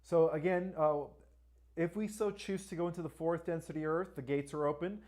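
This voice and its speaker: Guy with a spanish accent doing a live q&a, kinda high voice, emphatic, keeps saying all right. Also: fairly even intonation, normal speed, darkish tone. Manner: asks viewers to like and share. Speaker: livestream host. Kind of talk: live-stream Q&A.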